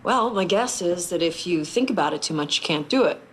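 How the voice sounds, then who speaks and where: An actress playing a private investigator who talks in a brisk, teasing, quick-witted way. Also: female voice, fairly low pitch, animated, natural voice. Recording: TV drama audio with music score and background noise.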